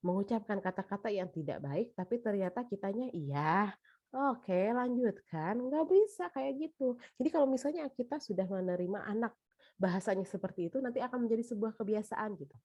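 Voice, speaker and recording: A woman's voice: medium pitch, quick pace, warm tone, no echo. A woman giving a casual spoken lecture on teaching children, chatty, with frequent fillers and tag questions. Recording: dull lo-fi sound.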